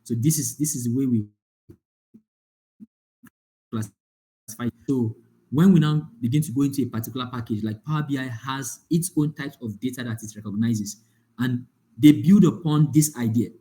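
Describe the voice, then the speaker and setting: A man gives a live lecture over an online call. His voice is mellow and relaxed, and it sits at an ordinary pitch for a man. He walks through examples and keeps checking whether the class follows. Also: normal speed, long pauses. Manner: explains with examples, often checks the class understands. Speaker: data analytics instructor.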